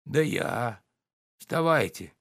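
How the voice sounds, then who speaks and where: A man's voice: mid-range voice, lively intonation, slow, vocal fry, fairly bright tone, dry recording, studio quality, exaggerated voice. Man doing a grumbling old servant. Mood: nagging. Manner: coaxing, nagging, muttering.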